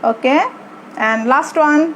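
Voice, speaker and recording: Slow, high-voiced Bangladeshi woman teaching. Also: a bit bright, a little hiss or hum, poor audio. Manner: slow, repeats words and asks pupils to say them with her. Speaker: primary school English teacher. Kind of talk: online classroom lesson, mixing English and Bengali.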